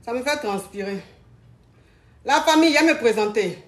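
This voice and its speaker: A woman's voice: on the high side, animated, normal speed, roomy sound. A woman hosting a casual live stream, out of breath and sweating, chatting in a scattered way and calling her viewers family.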